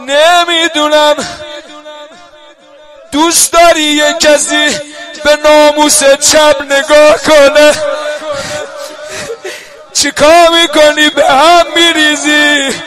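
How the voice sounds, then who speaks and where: A male lament singer chanting and calling out a mourning lament with strong emotion. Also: very high-pitched.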